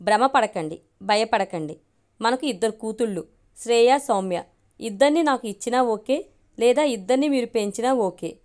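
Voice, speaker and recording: A woman's voice: fairly high pitch, animated, moderate pace, a little mellow, natural voice. Woman reading as a firm, reproachful wife. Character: firm, dignified middle-aged wife and mother.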